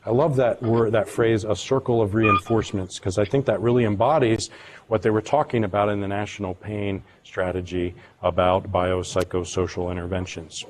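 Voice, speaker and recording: Halting man giving a research lecture. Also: on the low side, fairly even intonation, slight background noise. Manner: halting, with many ums and restarts; reads patient quotes aloud, moved at times. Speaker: acupuncturist presenting research. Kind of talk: academic lecture presentation.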